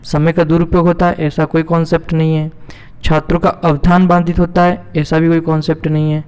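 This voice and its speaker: A male teacher leads an exam-prep lesson, reading out each multiple-choice question, repeating it, and then answering and explaining it himself. His higher voice is clear, resonant and a little mellow, delivered fairly quickly and completely flat. Hall reverb fills the recording.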